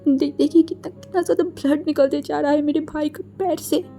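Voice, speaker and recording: A woman's voice: high-pitched, steady tone, dark tone. A woman voicing an upset young man close to tears, in a storybook reading. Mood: tearful. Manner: tearful, halting.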